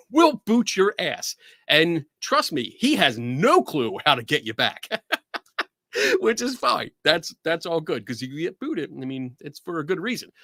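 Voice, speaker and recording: An excitable man with a Philadelphia accent chats casually as host of a live show. His voice sits on the high side and swings widely in pitch. It has a bright, forceful ring. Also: no room sound, clean studio sound. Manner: excitable, laughs often, cheers. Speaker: podcast host. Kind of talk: casual livestream chat.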